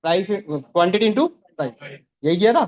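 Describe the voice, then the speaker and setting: A man's voice: sits high, big pitch swings, normal speed, highs cut off. A man teaching a live online class, walking students through each step and checking in with them as he goes.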